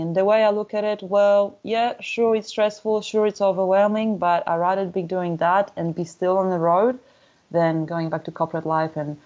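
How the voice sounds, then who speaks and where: Polish woman talking candidly, low voice. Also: darkish tone, muffled recording. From Poland. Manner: candid, many restarts and "you know" fillers. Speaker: guest, motorcycle traveler. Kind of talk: casual interview conversation.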